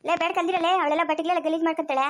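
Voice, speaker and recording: Woman acting a bossy scheming village mom, chikkaballapur accent, scolds brisk and quick in a home-made family skit. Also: extremely high pitch, fairly even intonation. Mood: scolding. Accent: Chikkaballapur rural Kannada. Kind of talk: homemade village family drama.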